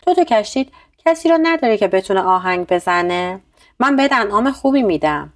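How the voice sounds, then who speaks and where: A woman takes on a rich old merchant from a bedtime storybook. He speaks in a doting, pleading way, at a mid pitch that stays close to the storyteller's own. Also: expressive, close to an everyday voice. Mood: mournful. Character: rich grieving older male merchant.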